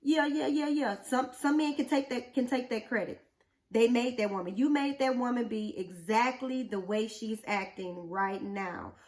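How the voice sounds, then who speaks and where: A woman's voice: a little high, moderate pace, a little mellow. A woman, talking casually as a show co-host. She speaks bluntly and with animation. She throws rhetorical questions at the listener. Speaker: podcast co-host. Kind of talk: casual chat.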